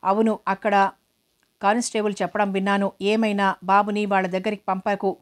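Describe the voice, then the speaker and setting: A woman's voice: medium pitch, little pitch movement, brisk, close to an everyday voice. A woman reading the lines of an agitated village man who warns his friend, in a storybook reading. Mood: heated. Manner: heated, urgent.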